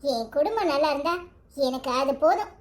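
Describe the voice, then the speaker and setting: A woman's voice: high voice, lively intonation, brisk. A woman voicing an older village mother who prays, frets over her daughter and coos over her grandson in a cartoon story. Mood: pleading. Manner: scolding, fussy village talk.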